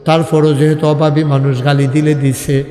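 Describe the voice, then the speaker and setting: High, echoing man preaching a sermon. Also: flat delivery, moderate pace, warm tone. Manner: storytelling, acting out dialogue, rising to sung and cried lines. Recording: echoey hall with long reverb.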